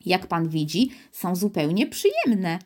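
A woman's voice: on the low side, huge pitch swings, a little slow, a little mellow, heavily acted. A woman voicing an earnest, polite young boy in a storybook reading, speaking in a matter-of-fact way.

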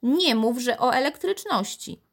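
Woman doing a high-pitched fussy old grandmother, scolding, anxious, storybook voice. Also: animated, measured pace, vocal fry, heavily acted.

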